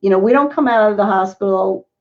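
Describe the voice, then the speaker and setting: A woman's voice: mid-range voice, fast, vocal fry, narrow, tinny audio. Effusive middle-aged woman host. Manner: effusive and emotional, with many exclamations. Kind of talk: casual interview chat.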